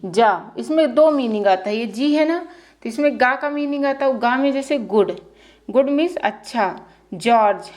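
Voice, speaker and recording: A woman from India teaching an English lesson in a casual spoken style. She repeats each word twice and keeps checking in with her listeners. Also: high voice. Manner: repetitive, explains each word twice, checks in with "theek hai".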